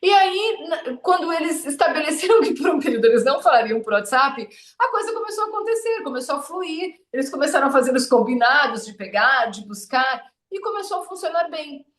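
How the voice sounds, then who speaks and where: A woman's voice: high voice, very animated, brisk, a bit bright, reverberant. A woman hosting a podcast, telling a story in casual chat and acting out the voices of the people she quotes. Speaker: podcast host.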